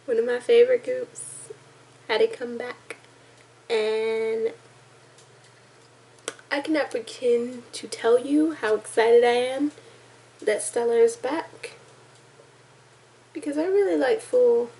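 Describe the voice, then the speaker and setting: Chatty woman with slow, high-pitched talk. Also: vocal fry, dark tone, low-quality recording. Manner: chatty, rambling, self-deprecating. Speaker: reaction video host. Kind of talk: casual reaction vlog.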